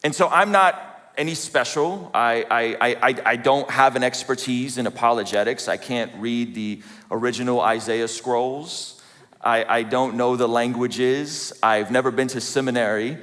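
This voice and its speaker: A man's voice: medium pitch, steady tone, moderate pace, a bit bright. A man in his forties from Azerbaijan gives a light, self-deprecating personal testimony to a live audience. He talks conversationally and asks the crowd questions. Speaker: speaker at a church event. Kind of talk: humorous personal testimony talk. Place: large hall with a live audience. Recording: reverberant hall.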